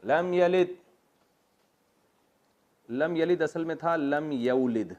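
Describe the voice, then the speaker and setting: A man's voice: a little high, a little mellow, dull audio. A man with a Pakistani Urdu accent, a religious teacher giving a classroom lesson on Quran grammar, explaining step by step, quizzing his students and telling jokes.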